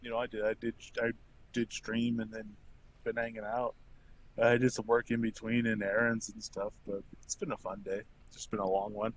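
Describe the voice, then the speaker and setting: A man's voice: lowish voice, level tone, moderate pace, a little hiss or hum, low-quality recording. Jokey man stumbling through headlines. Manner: stumbles over names, jokey. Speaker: co-streamer. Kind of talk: casual chat, reading news aloud.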